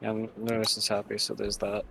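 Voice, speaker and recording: A man speaks as a player in a tabletop game. His voice is a little deep, and he casually talks through his character's actions as he goes. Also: monotone, normal speed, gravelly, pushed and bright, husky.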